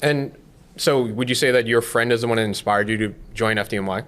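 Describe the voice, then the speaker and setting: A man's voice: medium pitch, a little fast, a bit bright. A man hosting a recruitment podcast as an EMS captain, upbeat and urging listeners to act. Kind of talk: casual recruitment podcast talk.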